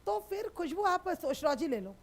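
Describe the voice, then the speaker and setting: A woman teaching sociology, chatting with students in a live online class and reassuring them warmly. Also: very high voice, big pitch swings, moderate pace. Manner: affectionate, reassuring, calls students beta.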